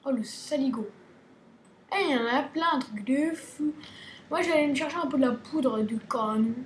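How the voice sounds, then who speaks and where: A woman's voice: sits high, moderate pace. A woman hosting a casual game tutorial, chatty and playful, stumbling over restarts as she talks to her viewers. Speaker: gaming video host. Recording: roomy echo, faint background hiss.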